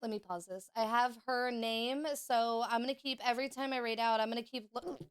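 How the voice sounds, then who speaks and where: A woman's voice: on the high side, steady tone, brisk, smooth. A young woman streaming games who chats casually, rambles and swears, with the hiccups. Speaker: gaming streamer. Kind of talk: casual livestream chat.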